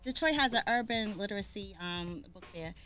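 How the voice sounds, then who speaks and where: A show guest from Boston, Massachusetts speaks in an expressive, mid-range, somewhat bright voice at a moderate pace. It's casual interview talk, full of ums and restarts. She's chatty and laughs easily.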